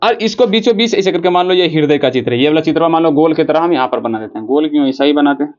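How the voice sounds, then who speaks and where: Guy teaching biology with a high voice, keeps asking and answering his own questions, kinda muffled lo-fi sound. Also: lively intonation, fast talker. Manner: asks students questions and answers them himself, repeating key words; drawing on a board while explaining. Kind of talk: classroom lesson on heart and blood flow.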